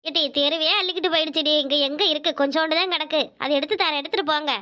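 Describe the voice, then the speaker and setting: A woman's voice: sits high, fairly even intonation, racing, sharp tone. A woman voicing a sarcastic scolding cartoon housewife. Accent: Kanyakumari Tamil. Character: sharp-tongued, indignant young housewife. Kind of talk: Tamil cartoon voice acting.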